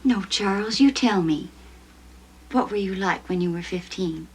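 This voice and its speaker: A woman playing a calm, reasoning frontier wife and mother in a period television drama. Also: medium pitch, measured pace, husky, poor audio. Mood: gently challenging.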